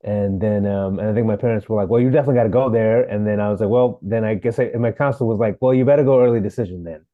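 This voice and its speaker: A man from Sri Lanka, an actor, telling his story as a podcast guest in a relaxed way, with fillers. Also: fairly low pitch, racing, hardly any pauses, no room sound, phone-quality sound. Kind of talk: interview.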